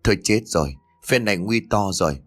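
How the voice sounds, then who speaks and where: A man's voice: on the low side, expressive, brisk, a bit bright, soft background music. A man voicing a frightened young village man who stammers and pleads in a rush, in an audio horror story. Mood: panicked.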